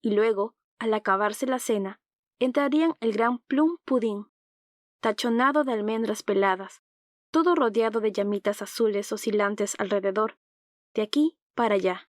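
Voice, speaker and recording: A calm woman narrates a scripted audiobook at a moderate pace in a medium-pitched voice. The recording has clean studio sound with no echo.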